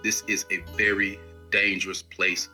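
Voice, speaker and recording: Earnest professor with a sharp voice. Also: male voice, sits low, flat delivery, a little slow, faint music behind. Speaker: university professor. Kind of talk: video diary monologue.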